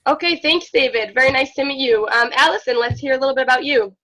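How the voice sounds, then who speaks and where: A woman from Israel with a slightly unusual American-sounding English accent, teaching an online Hebrew class in a friendly, measured way with many fillers. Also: high-pitched, fairly bright tone, poor audio. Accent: slightly unusual American-sounding English, Israeli-born. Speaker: Hebrew instructor. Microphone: video call.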